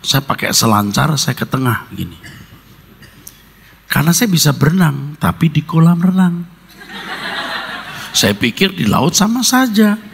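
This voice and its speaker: A man preaching a sermon as a pastor, telling personal stories in an animated way with jokes and sound effects. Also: on the high side, measured pace, vocal fry, long pauses, long reverb tail, a little hiss or hum.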